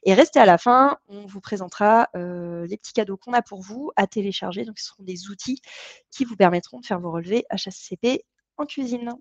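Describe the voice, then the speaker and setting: A woman's voice: mid-range voice, brisk, dull audio. A woman, co-founder of a company, leading an online training session in a chatty, explanatory way with frequent hesitations.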